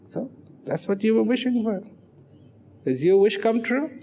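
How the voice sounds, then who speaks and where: A man giving a dramatic motivational narration, slow and emphatic, asking rhetorical questions and sometimes dropping to a near whisper. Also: high voice, lively intonation, warm tone, slight background noise.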